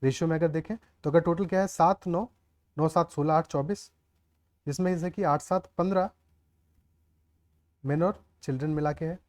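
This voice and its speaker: A man's voice: fairly high pitch, steady tone, normal speed, long pauses, darkish tone. A man teaching a maths lesson step by step, often checking with the class whether they follow. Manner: explains aloud, often checks the class with "clear?" and "okay".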